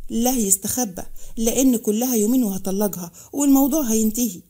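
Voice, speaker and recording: A woman's voice: a little high, fast, warm tone, close to an everyday voice. A woman voicing an arrogant, mocking young man with an Egyptian accent, delivering cold, harsh warnings. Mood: cold, scornful. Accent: Egyptian Arabic.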